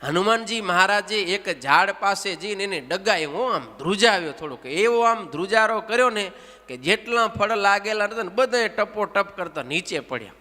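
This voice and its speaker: A male religious storyteller narrates a devotional tale with lively, animated delivery and frequent asides to his listeners. His voice is high and bright, and the recording carries a long reverb from a large hall. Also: moderate pace.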